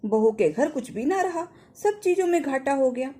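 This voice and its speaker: Woman storyteller for a devotional tale, high animated voice, mellow tone, homely plain delivery. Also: normal speed. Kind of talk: devotional folk tale narration.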